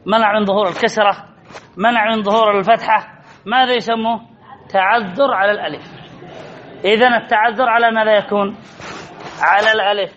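Quizzing his class with stretched-out words and repeated key phrases, a man teaches a grammar lesson in a high, slightly bright voice. The recording has its highs cut off and a little hiss or hum.

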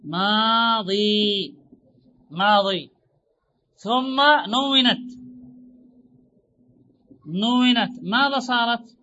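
A male teacher lecturing on grammar with a very high, bright voice. He stretches out example words, repeats himself and keeps posing rhetorical questions to the class. The recording sounds dull and lo-fi. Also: slight background noise. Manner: draws out example words slowly.

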